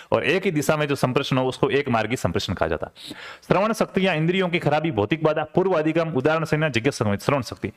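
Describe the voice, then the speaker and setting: A man, teaching an exam-prep lecture conversationally and repeating key terms with rhetorical check-ins. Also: fairly high pitch. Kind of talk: classroom lecture.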